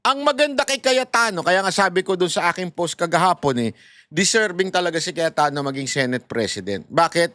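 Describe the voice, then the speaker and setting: A man with a high voice delivers casual political commentary, teasing and laughing often as he talks straight to his viewers. The sound is dry and close, with no room around it. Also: animated, brisk, bright, forceful tone, dry recording. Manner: mocking, laughs often, addresses viewers as countrymen; mixes English phrases into talk.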